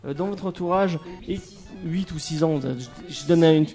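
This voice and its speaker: A man's voice: fairly high pitch, unhurried, music in the background. A man in casual chat, hesitant with many fillers and casual swearing.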